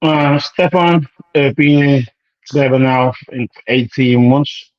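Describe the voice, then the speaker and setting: This British man in his thirties, a professional bodybuilder, has a mid-range voice and speaks slowly. In a casual interview he rambles in slang and acts out past conversations, quoting the dialogue. The recording is dry and muffled.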